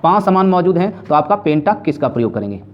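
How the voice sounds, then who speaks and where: A man's voice: on the high side, sing-song, quick pace. A male chemistry teacher giving a classroom-style lecture, repeating points and asking and answering his own questions. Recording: dull lo-fi sound.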